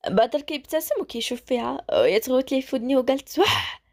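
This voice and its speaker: A woman with a Moroccan accent narrating a romance story, brisk and lively. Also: high-pitched.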